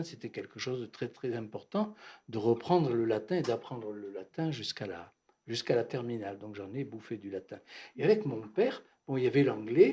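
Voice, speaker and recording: Older man, mellow and lively storyteller. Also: medium pitch. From Algeria. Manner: halting, reflective storyteller who often repeats words. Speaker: psychoanalyst, guest speaker. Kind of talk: reminiscing talk at a bookshop event.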